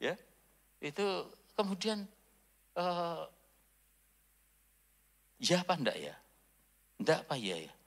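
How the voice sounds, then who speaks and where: A male pastor preaching a sermon in a casual storytelling way, jumping between loud high bursts and hushed near-whispers. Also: wildly swooping pitch, takes it slowly, pauses often. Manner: casual, with frequent filler "gitu".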